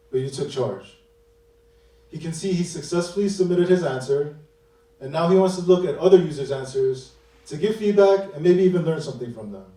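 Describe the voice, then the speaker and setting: A man's voice: a little high, dark tone. A man from Queens, New York, giving a rehearsed, upbeat demo presentation as a developer. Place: large event hall. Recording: echoey hall mic from a distance.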